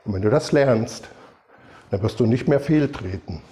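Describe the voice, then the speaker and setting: Middle-aged male preacher, mellow and warm tone, emphatic conversational sermon delivery. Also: mid-range voice, lively intonation, normal speed. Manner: emphatic, conversational, asks the audience for agreement.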